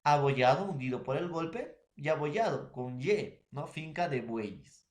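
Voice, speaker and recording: A man's voice: a little high, animated, a little slow. A man with a Peruvian Spanish accent teaching a recorded class, repeating points and asking the students rhetorical questions. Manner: repetitive, addresses students and fellow teachers, asks rhetorical questions. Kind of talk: recorded remote class lecture. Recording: echoey room.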